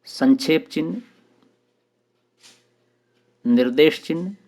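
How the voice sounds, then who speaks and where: A man hosting his own channel and teaching a grammar lesson for exam preparation, explaining terms one by one with short pauses. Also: a little high, a little mellow.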